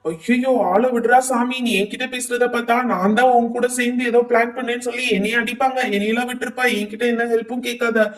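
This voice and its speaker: A woman's voice: on the high side, fairly even intonation, fast talker, few pauses, lightly acted. Woman voicing a meek pupil in an echoey room. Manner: meek, pleading. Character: nervous schoolchild pupil. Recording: echoey room, distant mic.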